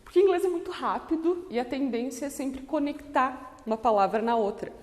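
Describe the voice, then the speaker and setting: A woman's voice: high-pitched, a little fast, a little mellow. A woman English teacher, explaining a lesson and checking in often with "okay?". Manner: switches between English and Portuguese, checks in with "okay?". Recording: long reverb.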